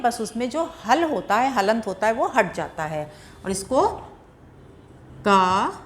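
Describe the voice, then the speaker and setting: A woman teaching grammar in a patient, deliberate way, sounding out syllables one by one. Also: fairly high pitch, fairly bright tone, slight background noise. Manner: patient, repeats syllables slowly and drawn out for pronunciation. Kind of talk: slow, deliberate classroom explanation.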